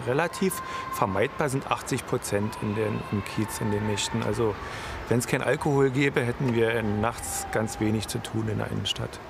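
Gravelly paramedic man, street noise. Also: mid-range voice, moderate pace. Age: 40s. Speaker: paramedic trainer. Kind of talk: interview. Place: outdoors on a city street. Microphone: lapel mic.

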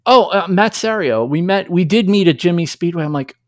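A podcast host in his thirties with a New York accent runs a casual interview from a small home studio, using a large studio mic with headphones. His voice sits high and is expressive and brisk, with no echo, and he's enthusiastic and chatty, laughing often.

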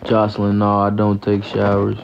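A young American man with a low voice and heavy vocal fry talks casually to a livestream. He sounds tired and laid-back, with loose slang. The sound is slightly muffled, as from a handheld phone indoors. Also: completely flat delivery, normal speed, slight background noise. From Gary, United States. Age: young adult. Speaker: live streamer, actor. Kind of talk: casual livestream chat answering comments. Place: small room indoors, lying down. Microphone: handheld phone at close range.

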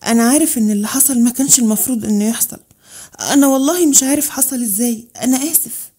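A woman's voice: a little high, quick pace, warm tone, breathy edge. A woman reading the lines of a young man in a story, with an Egyptian accent, in her own voice. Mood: apologetic. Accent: Egyptian Arabic. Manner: read in the narrator's own voice. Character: young man, apologetic then pleading.

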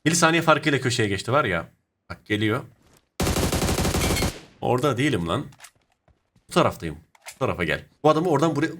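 Excitable man commentating his gameplay. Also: medium pitch, brisk, long pauses, very noisy. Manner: excitable, swings from muttering to sudden shouts. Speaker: gaming YouTuber.

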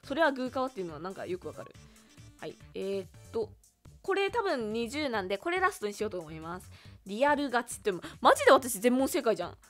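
A young woman talks through a quiz game in a chatty let's-play style, reading the questions aloud and reacting to each answer. Her voice sits fairly high and swings all over the place, with soft music playing underneath. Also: very animated, fast. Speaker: game commentator. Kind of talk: casual let's-play commentary.

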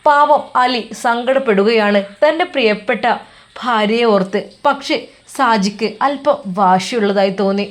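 A woman telling a story in a gentle, measured narration. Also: fairly high pitch.

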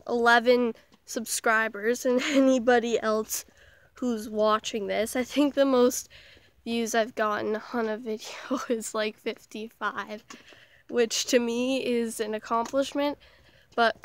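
A young woman from Canada, hoarse with the flu, chatting in a self-mocking way as she vlogs outdoors. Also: fairly high pitch, steady tone, measured pace, no echo. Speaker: vlogger. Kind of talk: casual vlog while walking outdoors. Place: outdoors in a small town.

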